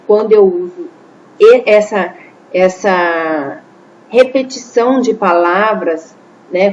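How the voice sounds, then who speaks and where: A woman teacher with a mid-range, darkish voice patiently explains a classroom lesson and checks in with her listeners. The lo-fi audio is slightly dull, with faint noise.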